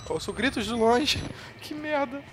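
A man's voice: very high-pitched, lively intonation, a little slow, fairly bright tone, a little hiss or hum. Jumpy, swearing Brazilian gamer man. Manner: jumpy, swearing, nervous jokes. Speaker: gameplay streamer. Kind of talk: horror game let's play commentary. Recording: game music underneath.

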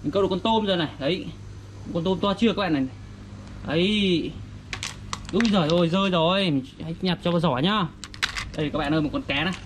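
A man's voice: high voice, fast, long pauses, slight background noise. A man with a northern Vietnamese accent vlogging casually outdoors, talking simply and repetitively as if to a toddler. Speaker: vlogger for young children. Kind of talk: casual child-directed show-and-tell. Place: outdoors beside a garden fish pond.

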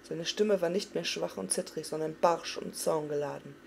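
A woman's voice: low-pitched, fairly even intonation, normal speed, gravelly, darkish tone, a little hiss or hum. A woman voicing a commanding young male prince in a read-aloud fantasy story, speaking urgently. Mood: defiant.

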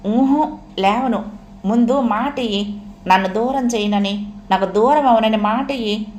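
A woman's voice: medium pitch, fairly even intonation, moderate pace, close to an everyday voice. A woman voicing a tearful, proud young woman. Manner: tearful, pleading then bitter. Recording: echoey room, faint hiss.

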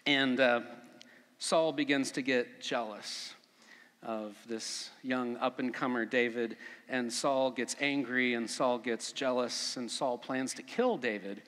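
A man preaching a conversational sermon as pastor at a pulpit microphone, relaxed, with frequent fillers. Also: mid-range voice, slow pace. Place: church sanctuary. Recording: long church reverb.

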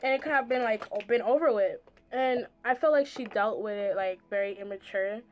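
A woman's voice: on the high side, fairly quick, slight background noise. A young adult woman giving a rambling, slangy, casual storytime as she does her makeup, with lots of "like". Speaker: makeup vlogger. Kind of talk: casual chatty storytime while doing makeup. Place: small indoor room. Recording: music playing in the background. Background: music.

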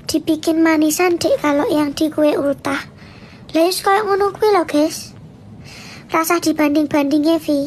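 A young woman with a Javanese accent, chatting casually on a livestream and telling a story with animated laughs. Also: high voice, a little slow, a little hiss or hum. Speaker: livestream host.

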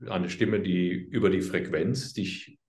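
A man speaking as an interview guest, explaining his work in a calm, earnest, unhurried way. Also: low voice, echoey room. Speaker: guest, healer. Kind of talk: conversational interview.

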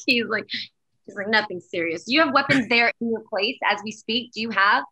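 A woman's voice: a little high, moderate pace, bright, forceful tone, rough recording. A woman moderating a press junket on a video call, upbeat and bubbly. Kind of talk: moderating a panel. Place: living room, video call.

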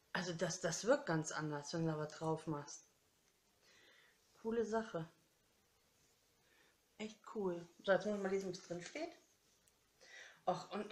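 Woman, craft vlogger, chatty, gushing, laughs a lot, slightly low voice. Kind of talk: casual chat unboxing a craft swap.

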